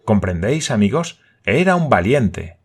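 Man voicing an excitable professor, eager questions, husky voice. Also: fairly low pitch, a little slow, heavily acted. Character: excitable, eager male scholar.

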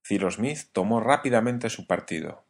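A man narrating a novel as an audiobook, in a measured storytelling reading. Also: lowish voice, lively intonation, creaky, husky.

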